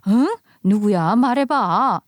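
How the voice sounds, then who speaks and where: A woman's voice: fairly high pitch, lively intonation, takes it slowly, no echo, studio quality. A woman voicing an anxious working mother fussing over her hurt child. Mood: worried.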